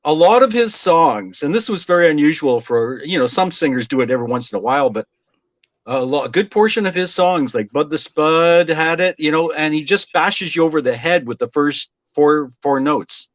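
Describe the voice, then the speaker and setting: A man's voice: on the high side, lively intonation, normal speed, dry recording, dull audio. A man in his sixties, a radio DJ, telling stories in an interview with restarts and small chuckles. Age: 60s. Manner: rambling anecdotes with restarts and chuckles. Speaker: interview guest, DJ. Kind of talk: casual storytelling interview.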